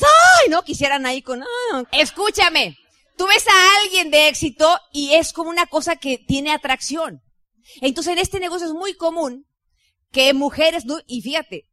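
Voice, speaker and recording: A woman with a Mexican accent delivers a motivational talk on leading a sales team. Her voice sits high and bright, and she keeps turning to the audience in a chatty, lively way. The sound is dry and close. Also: no echo. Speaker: network marketing leader.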